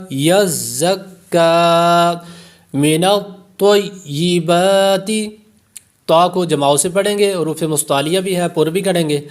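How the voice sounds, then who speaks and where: A man with a Pakistani Urdu accent and a voice a little high for a man gives a beginners' tajweed lesson on Quran recitation. He rattles quickly through the rules for each letter, then slowly draws out single words in careful recitation.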